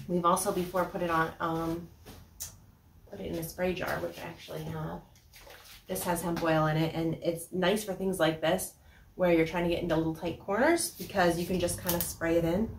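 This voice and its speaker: A woman's voice: lowish voice, echoey room, a little hiss or hum. A woman in her thirties hosting a casual how-to vlog, chatting with ums as she works in a small indoor workshop and is picked up by a camera mic at a distance. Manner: chatty, explains while working, frequent ums. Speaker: furniture upcycling host.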